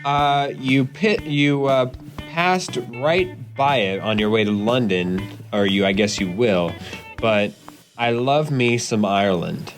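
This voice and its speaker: A man's voice: mid-range voice, slow pace, soft background music. A young man co-hosting a casual podcast, quizzing his partner with a joking, playful delivery. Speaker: podcast co-host. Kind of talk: casual sports podcast chat.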